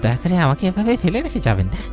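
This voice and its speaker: A man plays a frantic cartoon villager, stammering and pleading for his life. His high voice swings widely in pitch. Music plays clearly behind it. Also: huge pitch swings, racing. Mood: terrified pleading. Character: panicky, pleading male villager hunted by a ghost. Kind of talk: cartoon ghost story acting. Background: prominent background music.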